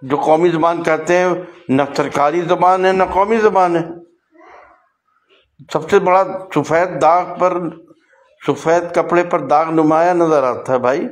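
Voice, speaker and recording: An older man and poet, speaking in an earnest, lecturing way and giving examples. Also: on the high side. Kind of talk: casual spoken talk on language.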